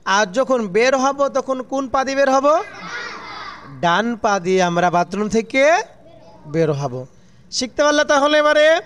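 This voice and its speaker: A man's voice: very high-pitched, animated, measured pace, long pauses, a bit bright. A man teaching children a religious lesson, asking questions and answering them himself in a falling tone, call-and-response style.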